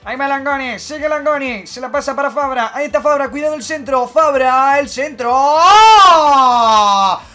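A man's voice: very high voice, moderate pace, soft background music, pitched above the performer's own voice. A man with a Rioplatense accent putting on an over-the-top football commentator calling the play. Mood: hyped. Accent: Rioplatense Spanish. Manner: mock broadcaster calling play by play, rising to yells.

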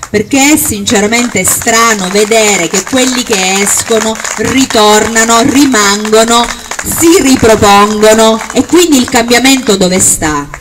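Female rally speaker, mid-pitched, projected emphatic delivery, recorded outdoors at some distance. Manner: emphatic oratory, projected, with deliberate listing phrases. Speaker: political candidate or activist at a rally. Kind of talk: public campaign speech. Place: outdoor town square. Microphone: handheld-type microphone on a stand, amplified. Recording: distant outdoor capture, faint background noise.

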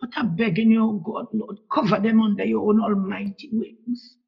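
A Trinidadian woman with a medium-pitched, creaky voice and a breathy edge leads a fervent spoken prayer at a moderate pace. She pleads, returning to "Lord" again and again in a steady rhythm. The recording is dull and lo-fi.

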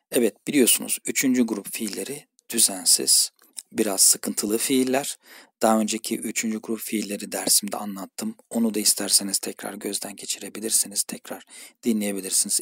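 A man's voice: fairly low pitch, breathy edge, no room sound, studio quality. A man teaching a language grammar lesson, explaining step by step and often addressing viewers as friends. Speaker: French teacher. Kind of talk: screen-recorded grammar lesson.

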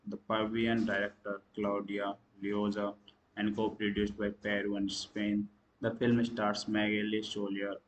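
Monotone man reading a film recap. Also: lowish voice, highs cut off, a little hiss or hum. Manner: halting reading with slips and restarts; clears throat and coughs between lines. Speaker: movie review channel host. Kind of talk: read-aloud film summary.

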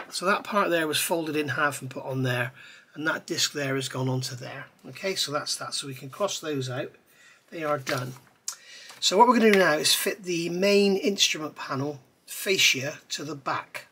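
Hunched over his model at an indoor hobby workbench, seen through an overhead camera, a middle-aged man explains the build in a fairly high, breathy voice. His hands-on tutorial meanders, relaxed and full of chatty asides.

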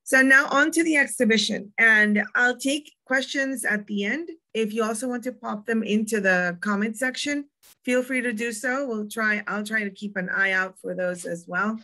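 Presenting a virtual museum tour, a young woman from Puerto Rico chats along with lots of ums and restarts in her Puerto Rican Spanish accent. She speaks at a moderate pace, her pitch fairly high and her tone sharp.

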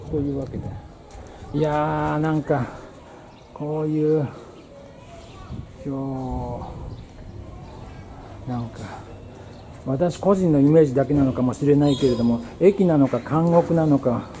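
A man's voice: fairly high pitch, measured pace, long pauses, mellow, poor audio. A man narrating a casual travel vlog, musing aloud as he walks around a small rural train station. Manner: muses aloud, thinking as he goes. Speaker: travel vlogger. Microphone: handheld camera mic. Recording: outdoor ambience with birds and traffic.

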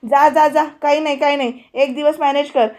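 A woman's voice: high-pitched, steady tone, a little fast, a little mellow, lightly acted. A woman narrator voicing an anxious, placating young husband in a TV serial recap.

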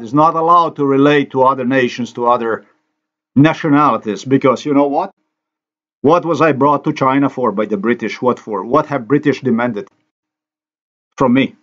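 Man from Slovenia, native Slovenian, angry accusatory monologue, mid-pitched, slightly muffled recording. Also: a bit bright. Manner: ranting, accusatory, repetitive. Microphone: voice-over on screen recording.

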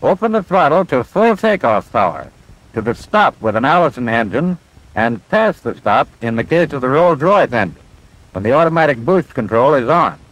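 A man plays an instructor pilot explaining cockpit controls, patient and confident, echoing a 1940s military training film with clear, methodical, instructive delivery. His mid-range voice is sing-song and fairly bright, at normal speed. The rough recording resembles a vintage film soundtrack.

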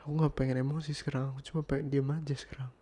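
A man plays an irritated young boyfriend in an ASMR role-play, arguing insistently and now and then dropping to soft whispers, sounding exasperated. His voice is medium in pitch with a flat delivery and a breathy edge, and he talks at a racing pace. It stays close to his everyday voice.

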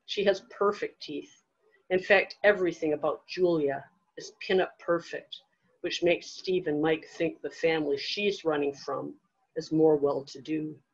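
A woman author reading her own fiction aloud in a measured, deliberate way. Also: low-pitched, fairly even intonation, husky. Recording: dull lo-fi event audio.

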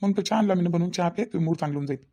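Talking very quickly in a natural, dark, mid-range voice, a voice actor plays a cartoon's young husband. With a Vidarbha Marathi accent, he pleads and cajoles while stuck between his mother and his wife.

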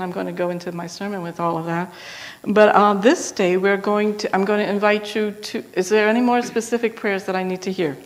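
A woman's voice: mid-range voice, long reverb tail, low-quality recording. Woman pastor leading prayers. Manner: gentle, unhurried, informal asides. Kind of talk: leading prayers in a church service. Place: church sanctuary.

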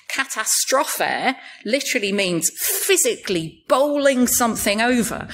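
A woman's voice: fairly high pitch, fairly bright tone. Wry woman giving a conference talk. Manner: wry, light-hearted, jokes at her own expense. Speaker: conference speaker.

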